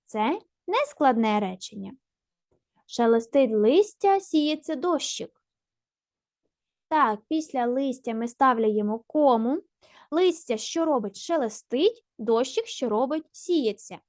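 A woman's voice: fairly high pitch, lively intonation, measured pace, dry recording, clean studio sound. A woman teacher giving a primary school language lesson, patient and encouraging, asking questions and answering them herself. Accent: Ukrainian.

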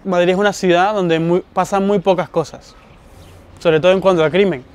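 A man in his twenties who boxes, speaking relaxed and conversational in an outdoor documentary interview. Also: high voice, moderate pace. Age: 20s. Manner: relaxed, conversational, casual asides. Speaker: young boxer. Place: outdoors by a mural. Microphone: lapel mic.

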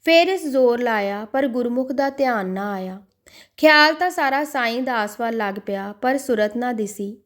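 A woman narrating a devotional audiobook in a measured storytelling manner. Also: fairly high pitch, expressive.

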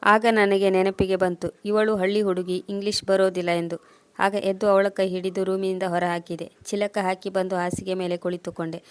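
A woman reading a first-person story as scripted narration, at a steady, even pace. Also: medium pitch, moderate pace, no echo.

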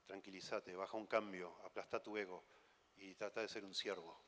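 A man with an Argentine accent delivers a conference sermon in a low voice. He talks in a conversational, teasing way, firing off rhetorical questions. His voice trails off into a long hall reverb. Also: steady tone, normal speed, bright, forceful tone. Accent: Argentine Spanish. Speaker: preacher.

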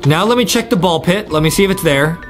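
Fast-talking and excitable, a young adult host of a gaming video narrates a let's-play in a fairly high voice. He addresses his viewers animatedly, often saying things twice, over light game music.

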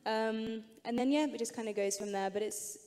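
A woman's voice: on the high side, steady tone, normal speed, darkish tone, in a large hall. A woman actor on a festival panel, explaining in a chatty way with many "um"s. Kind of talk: panel talk. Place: festival stage.

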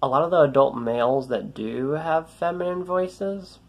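A young adult male vlogger rants in frustration into a phone held at arm's length, first in a small room indoors and then outdoors on a road. His light, youthful voice is on the high side at a moderate pace as he rambles, swears and keeps restarting sentences in this selfie vlog.

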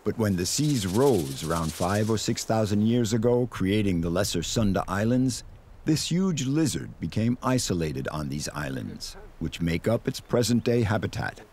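A man's voice: lowish voice, lively intonation, normal speed, a little mellow, a little hiss or hum. A man reading scripted narration in the style of a nature documentary.

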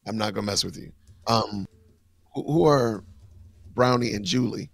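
A man's voice: fairly low pitch, moderate pace, creaky, slightly rough, no echo. A man explaining things step by step in a casual livestream chat, with frequent fillers and restarts.

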